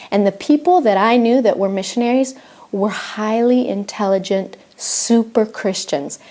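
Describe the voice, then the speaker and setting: A middle-aged Argentine missionary, whose native language is Spanish, shares her personal faith testimony earnestly and reflectively, restarting a few times. Her voice sits at medium pitch and is a little mellow.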